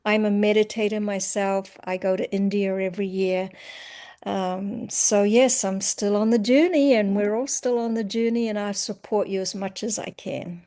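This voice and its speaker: A woman, a coach talking about her work in a casual interview. She speaks in a relaxed, reflective way and often trails off softly at the ends of phrases. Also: mid-range voice, moderate pace. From New Zealand. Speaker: empowerment coach.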